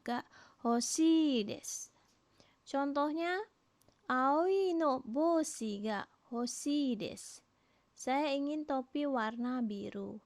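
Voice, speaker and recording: Slow high-voiced woman teaching a lesson. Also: dry recording. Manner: explains slowly, models phrases with rising question intonation. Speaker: Japanese language teacher. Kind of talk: recorded online lesson.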